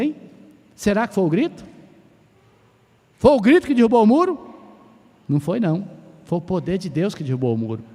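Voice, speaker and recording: A man from Brazil, preaching a sermon as pastor, asking rhetorical questions and rising to loud shouted exclamations. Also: high-pitched. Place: church sanctuary. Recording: long church hall reverb.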